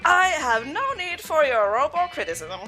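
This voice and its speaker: A woman puts on a belligerent demon princess from a video game, declaiming with grand ambition. The voice is forceful and swings widely in pitch, with music underneath. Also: very animated, moderate pace, heavily acted. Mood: imperious.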